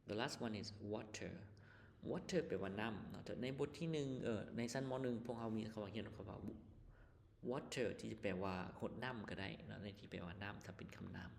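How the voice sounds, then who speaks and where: A man's voice: on the low side, moderate pace, gravelly, big-room sound, a little hiss or hum. A male English teacher walks through vocabulary, patiently repeating each word and translating it. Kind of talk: vocabulary lesson explanation.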